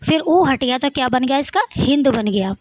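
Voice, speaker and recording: In a high voice with lively intonation and normal speed, a Rajasthani-accented woman teaches exam prep, posing her own questions, answering them, and repeating the key points. The phone-like audio is dry, with no room sound.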